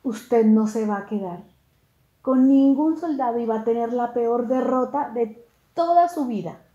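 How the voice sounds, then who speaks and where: A woman's voice: a little high, unhurried, mellow, lo-fi sound, lightly acted. Woman preacher doing a stern commander, emphatic, echoey room. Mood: stern rebuke. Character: stern male army commander rebuking his king.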